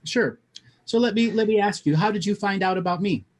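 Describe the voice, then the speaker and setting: A man's voice: high-pitched, fairly quick. Blunt, coaching man host. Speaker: host giving spiritual readings. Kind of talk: call-in show chat.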